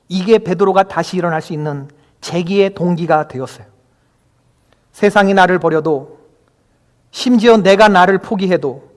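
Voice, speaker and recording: Man, pastor, Sunday sermon, emphatic, questions the congregation, long church reverb. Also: sits high. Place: church sanctuary.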